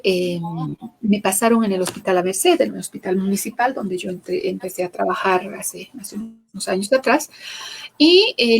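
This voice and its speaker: A woman, a psychomotor therapist telling anecdotes from her clinical work in an animated, conversational way. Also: medium pitch, a little hiss or hum. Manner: animated storyteller, voices the people she quotes. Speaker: psychomotor therapist, guest lecturer.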